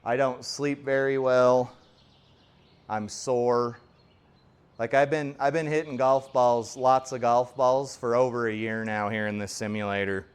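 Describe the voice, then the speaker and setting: Smooth-voiced man in his forties, rambling. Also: mid-range voice, fairly even intonation, measured pace. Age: 40s. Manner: rambling, self-deprecating, chatty. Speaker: golf simulator vlogger. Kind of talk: casual play-along commentary. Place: home golf simulator enclosure.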